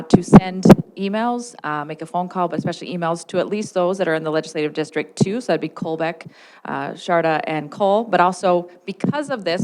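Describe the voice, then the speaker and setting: Low-voiced woman school board member. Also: slight background noise. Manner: halting, with many fillers. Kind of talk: public meeting remarks. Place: board meeting room.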